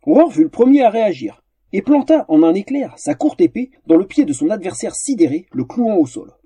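A man narrating a fantasy story in a theatrical, animated audiobook style. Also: high-pitched, a little fast, husky, no room sound.

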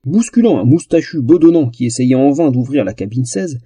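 Male audiobook narrator, comic fantasy, expressive, husky and very dark, dry close sound. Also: mid-range voice, brisk, no room sound.

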